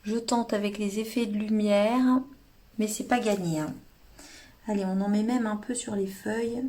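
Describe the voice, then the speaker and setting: A woman's voice: medium pitch, fairly even intonation, normal speed, mellow. A French woman leading a live paper-craft tutorial, chatting to viewers by name, with many fillers and restarts. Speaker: craft demonstrator. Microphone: livestream webcam or phone.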